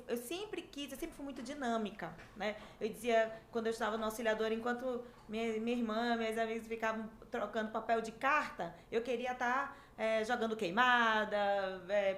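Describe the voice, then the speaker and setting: A woman in her fifties from Manaus with an Amazonas accent, a dentistry professor telling her story as a podcast guest in a lively, chatty way. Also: on the high side, normal speed, hardly any pauses. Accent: Amazonas Brazilian Portuguese. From Manaus, Brazil. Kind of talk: casual interview chat. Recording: echoey room, faint background hiss.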